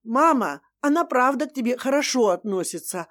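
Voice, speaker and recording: A woman's voice: a little high, lively intonation, moderate pace, fairly bright tone. A woman voicing a mild young husband pleading with his mother.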